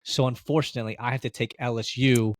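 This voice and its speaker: A man's voice: mid-range voice, steady tone, fast, no room sound. A man co-hosting a sports podcast, talking in a chatty, storytelling way and laughing easily. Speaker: podcast co-host. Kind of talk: casual sports chat.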